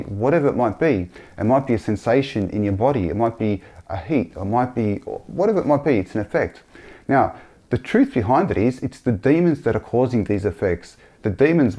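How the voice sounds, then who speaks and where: A man sharing a personal religious testimony in a halting, earnest way, often repeating himself. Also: fairly low pitch, warm tone.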